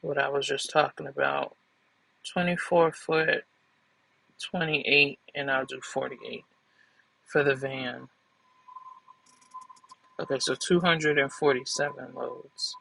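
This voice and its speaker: A woman's voice: very deep voice, steady tone, takes it slowly, creaky, long pauses, fairly bright tone, breathy edge, rough recording. A woman hosting a trucking channel, chatting casually to viewers in a loose, rambling way and correcting herself as she goes. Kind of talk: casual vlog chat to viewers.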